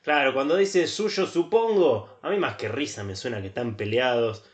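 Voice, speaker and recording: Joking Argentine podcast co-host. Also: male voice, medium pitch, fairly quick, fairly bright tone. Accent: Rioplatense Spanish. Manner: joking interjections and mock dramatic readings. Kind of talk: casual comedic podcast banter.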